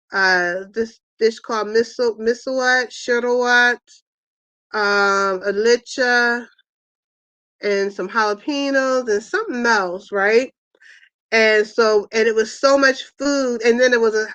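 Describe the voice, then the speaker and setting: A middle-aged woman hosts a casual online wellness chat, wandering through her thoughts with plenty of ums and restarts. Her voice sits a little high. The recording is dry and close, with a dull, lo-fi tone. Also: a bit bright, clear, resonant tone, no room sound. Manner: rambling, many fillers and restarts. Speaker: host of an online wellness party. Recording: dull, lo-fi sound.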